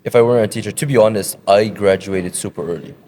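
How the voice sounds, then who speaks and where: A young man with a very low, dark voice chats as a podcast guest. He talks in an easygoing way and laughs often. Faint room ambience sits under his voice. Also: fast, a little hiss or hum. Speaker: podcast guest, teacher and food blogger. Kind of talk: casual podcast chat.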